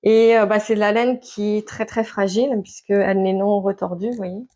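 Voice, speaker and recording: A woman's voice: mid-range voice, fairly even intonation, moderate pace, mellow. A woman chatting casually to camera about her knitting, hesitant with many fillers and restarts. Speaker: knitting vlogger. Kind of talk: casual show-and-tell chat to camera.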